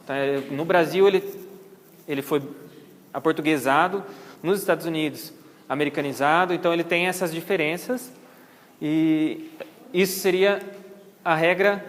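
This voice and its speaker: With a Brazilian Portuguese accent, a man explains how botanical names are pronounced at an orchid society gathering in a botanical garden meeting room, patiently checking in with the audience. His voice is on the high side, with a big-room sound and slight background noise.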